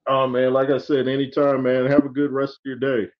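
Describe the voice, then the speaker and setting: A man's voice: medium pitch, fairly quick. Laid-back man hosting a video call. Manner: relaxed, many fillers, says man. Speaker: host. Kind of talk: casual chat. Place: small room indoors. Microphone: video call webcam. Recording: dull lo-fi call audio.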